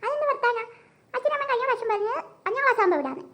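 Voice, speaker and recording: A woman's voice: very high voice, animated, racing, a bit bright. A woman voicing a young cartoon schoolgirl who pleads and whines to her parents. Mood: whiny pleading. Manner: pleading, whining. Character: young schoolgirl, the younger daughter, eager and whiny.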